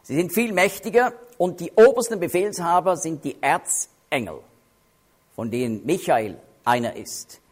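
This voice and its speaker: A man teaching through Bible passages in a sermon style, emphatic and expressive, shifting his pace and loudness to stress points. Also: fairly high pitch, unhurried, husky.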